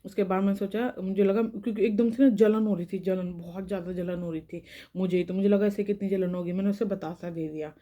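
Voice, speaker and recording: A young woman vlogger rambles through a personal story to camera, speaking carefully because her tongue and lips are sore. She keeps restarting sentences. Her mid-range voice is brisk and mellow with a level tone.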